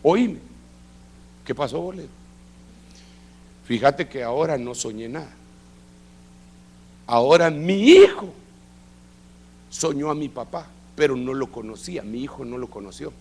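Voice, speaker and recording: A middle-aged man preaching, telling a testimony with lively acted-out dialogue. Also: mid-range voice, a little slow, pauses often, breathy edge. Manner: animated storytelling, acting out quoted dialogue. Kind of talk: sermon testimony. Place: church service.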